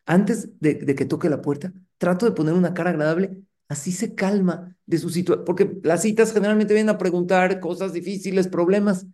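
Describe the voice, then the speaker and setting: A middle-aged man, a rabbi giving a lively sermon and putting rhetorical questions to his congregation. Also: sits high, fairly quick, few pauses. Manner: engaging, asks the audience rhetorical questions.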